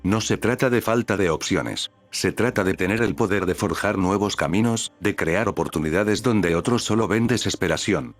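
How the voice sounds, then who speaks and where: A man's voice: low-pitched, moderate pace, few pauses, soft background music, close to an everyday voice. A man voicing a steadfast, protective fatherly man who speaks firmly and with passion. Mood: resolute. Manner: firm, impassioned, resolute.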